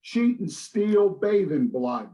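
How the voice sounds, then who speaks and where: A man reads his poetry in a fairly high voice, taking it slow and blunt. The room around him is echoey. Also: very animated, warm tone, dull audio. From Philadelphia. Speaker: poet reading his work. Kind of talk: spoken word reading.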